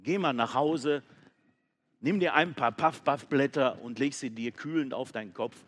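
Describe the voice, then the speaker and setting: A man voicing a calm female giraffe who talks down in a patronizing, unbothered way. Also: medium pitch, moderate pace, in a large hall, close to an everyday voice. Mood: dismissive.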